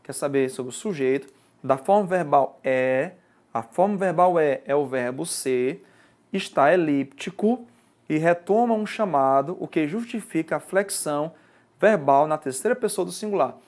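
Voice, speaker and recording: A man's voice: fairly high pitch, expressive, moderate pace, darkish tone. A man with a Brazilian Portuguese accent teaching an exam-prep grammar lesson, explaining step by step and often checking in with the student.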